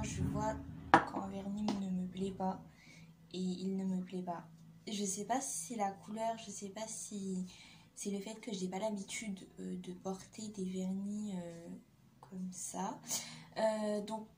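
Give me a young woman chatting hesitantly about nail polish, with noticeable noise on the recording. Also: mid-range voice. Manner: hesitant, many fillers and repeats. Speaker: beauty vlogger. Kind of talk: casual nail polish review.

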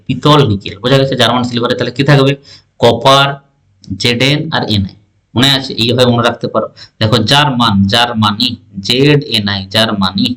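A man's voice: medium pitch, fairly bright tone. A male teacher giving an exam-prep science lesson, repeating terms and often asking the listener if they follow. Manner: keeps asking the listener questions to check understanding.

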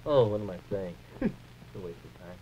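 The dull audio of early-1950s live TV carries a man's fairly low, warm, slightly rough voice as he performs a male dragon puppet at a normal speed. Animated and fussy, the bossy dragon frets, sighs, and oohs while ordering others about.

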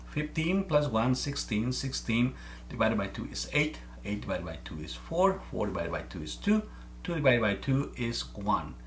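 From a small room at home, a Mexican man in his forties with a heavy Mexican Spanish accent earnestly explains math step by step to a webcam as an amateur presenter. His lowish voice is bright and forceful, repeating words as he thinks. A little hiss or hum is audible.

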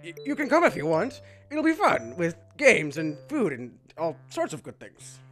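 A woman playing a male monster king in a fan audio drama, bossy yet awkwardly tender, blustering and sometimes halting shyly. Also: lowish voice, huge pitch swings, fairly bright tone, faint music behind. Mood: nervous. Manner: blustering, halting when shy.

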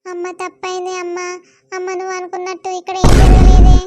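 A very high, flat-toned teenage village girl, voiced by a woman pleads and apologizes. Faint music plays behind her cartoon lines. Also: quick pace, dry recording. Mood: pleading. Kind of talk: cartoon voice acting.

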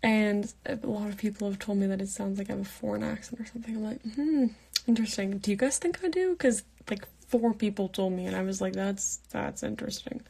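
Holding her phone at arm's length in her bedroom at night, a Pittsburgh teen in her late teens chats through a live Q&A, responding to fan comments. She keeps it soft and half whispered, breathy and mellow with a gravelly edge closing her phrases. Her medium-pitched voice is animated and a little fast.

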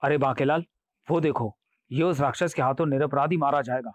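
Man voicing an earnest comic king, excitable, righteous, dry close voice. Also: mid-range voice, fairly quick, no room sound, lightly acted. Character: noble, earnest male king, easily alarmed.

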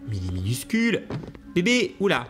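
A man commentating a video game to his viewers, excitable and laughing often, with hiccups. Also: a little high, normal speed, over music. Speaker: gaming YouTuber. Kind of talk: let's play commentary.

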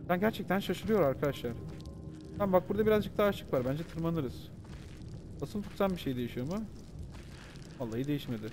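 A man's voice: sits high, background noise. A man streaming a horror game live, joking, swearing and chatting with his viewers as he plays. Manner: excitable, joking, swears freely, talks to chat. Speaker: gaming streamer. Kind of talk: live gameplay commentary.

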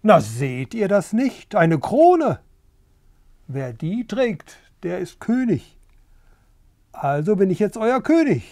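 A man's voice: sits high, very animated, takes it slowly, pauses often, mellow, dry recording, clean studio sound, pitched above the performer's own voice, exaggerated voice. A man voicing a boastful, eager young rooster in a storybook reading, talking in a pushy, wheedling way.

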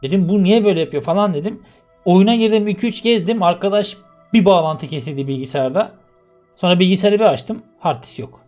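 A young man with a high voice talks loosely and directly to his viewers, like friends, winding through a long story before showing his game settings. Faint music sits under his casual gamer chat. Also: brisk, a little mellow. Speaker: gaming YouTuber. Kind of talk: casual let's-play chat.

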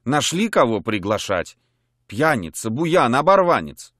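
A man's voice: medium pitch, sing-song, unhurried, a bit bright, no echo. A man voicing a whiny, disdainful young woman, a colonel's daughter, in a dry audiobook recording. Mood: scornful. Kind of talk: audiobook character voice. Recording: dry close studio mic.

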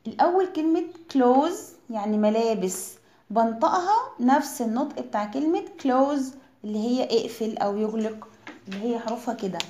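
A woman with an Egyptian accent teaching English words to children, saying each word slowly and repeating it for pronunciation. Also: a little high, animated, dark tone, roomy sound. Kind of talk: slow vocabulary lesson for children.

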